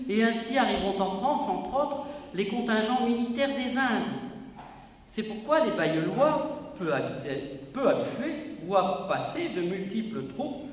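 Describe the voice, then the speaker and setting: Man giving a declamatory speech in a hall. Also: sits high. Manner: declamatory, emphatic public-speaking delivery. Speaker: president of a local history society. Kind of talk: formal inauguration speech. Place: indoor exhibition hall. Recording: echoey hall, voice from a distance, faint room noise.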